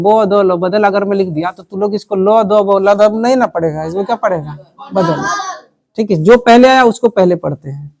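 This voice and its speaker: A woman's voice: mid-range voice, darkish tone. A woman teacher, explaining a reading lesson to a classroom of children, patient and repetitive, constantly checking whether they have understood. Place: classroom with pupils.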